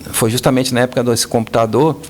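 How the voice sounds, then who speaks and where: Brazilian guy on a podcast, animated storyteller, does the voices in his stories, mid pitch. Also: fast talker. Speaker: business owner guest. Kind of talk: storytelling interview.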